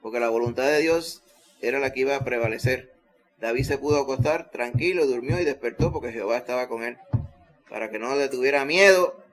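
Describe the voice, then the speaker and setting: A male pastor with a Puerto Rican Spanish accent preaches a Sunday sermon in a medium-pitched voice, rising to loud emphasis whenever he quotes scripture.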